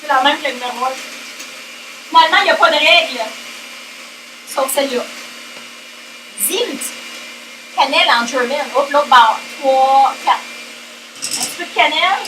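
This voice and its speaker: A woman's voice: high-pitched, a little slow, pauses often, distant mic. A woman with a Québécois accent hosting a playful, jokey home cooking vlog, slipping English words in and singing little chants. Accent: Québécois French. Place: home kitchen. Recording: echoey kitchen with loud mixer noise. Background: electric hand mixer whirring.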